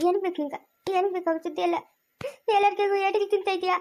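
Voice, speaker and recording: A woman playing an angry mother who scolds her young son, with a rural Chikkaballapur Kannada accent. She keeps repeating the same sharp questions. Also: very high-pitched, fairly even intonation, fast. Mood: angry scolding. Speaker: actor in a family drama. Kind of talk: amateur family drama acting.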